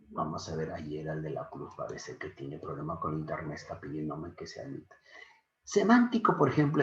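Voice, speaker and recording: A man teaching a secondary school literature class online. He keeps asking his students questions and calls them his dear students. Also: deep voice. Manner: animated, questions students often, affectionate teacherly asides. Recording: echoey room, dull lo-fi sound.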